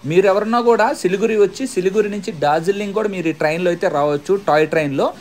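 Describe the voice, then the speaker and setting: A male travel vlogger from India talks fast and chatty, keeping viewers with him as he points things out. His voice sits high. It is recorded outdoors along a toy train journey. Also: a little hiss or hum. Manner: chatty, guiding viewers with "look here". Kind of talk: casual travel vlog narration.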